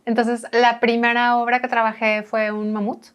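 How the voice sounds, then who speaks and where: A woman's voice: a little high, normal speed, smooth. A woman from Monterrey with a northern Mexican accent, chatting as a podcast guest and telling stories with laughs and acted-out dialogue. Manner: lively storyteller, laughs often, acts out dialogue. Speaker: guest, architect and restorer. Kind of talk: casual podcast conversation.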